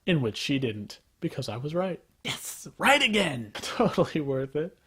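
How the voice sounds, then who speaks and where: A man's voice: mid-range voice, lively intonation, moderate pace, husky. A young man telling a story as a casual comedic rant, sarcastic, argumentative and crude, in the role of a vlogger.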